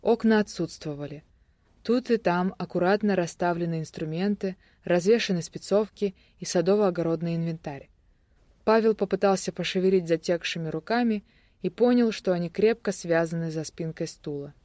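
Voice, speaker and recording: A narrator giving a steady, even audiobook reading of a thriller. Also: mid-range voice, normal speed, no echo.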